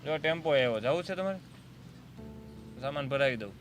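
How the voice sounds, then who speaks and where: A man, a social worker gently coaxing and explaining outdoors by a road. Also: on the high side, expressive, fairly quick, faint music behind. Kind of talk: calm persuasion and explanation. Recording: outdoor traffic noise.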